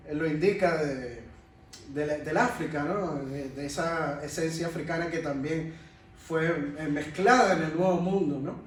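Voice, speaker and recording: A higher-voiced man with a Venezuelan Caribbean accent addresses a round table, often checking in with rhetorical tags. The sound is very reverberant and picked up from a distance. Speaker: panel speaker and history communicator. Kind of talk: public talk at a round table. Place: echoey room in a monastery, before an audience. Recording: very echoey, distant mic, faint noise.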